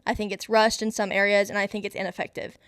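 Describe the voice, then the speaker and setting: Smooth-voiced gushing woman reviewer. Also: medium pitch, little pitch movement, fast talker, fairly bright tone, no room sound, studio quality. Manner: gushing, enthusiastic fan talk; chatty with many fillers. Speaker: host. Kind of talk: casual movie review.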